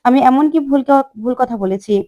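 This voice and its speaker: A woman's voice: sits high, brisk, mellow, dull audio, lightly acted. Woman doing a snide, defensive young woman. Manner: whiny, defensive.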